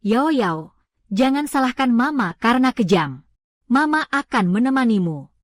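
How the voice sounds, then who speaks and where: A woman voicing a poor, gentle young mother in a dubbed drama, speaking softly and tenderly. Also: on the high side, big pitch swings, unhurried, no echo, clean studio sound. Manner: soft and tender.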